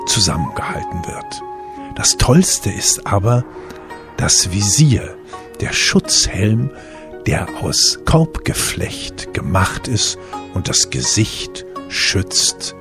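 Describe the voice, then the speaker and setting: A man narrating a story for children, explaining things patiently and unhurriedly over background music. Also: deep voice. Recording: music bed playing underneath.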